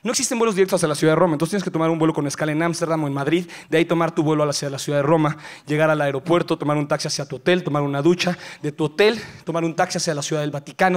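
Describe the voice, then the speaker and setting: A male stand-up comedian with a Mexican accent, delivering an animated, slangy live set on stage. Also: fairly high pitch. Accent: Mexican Spanish. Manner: animated, slangy, acting out voices.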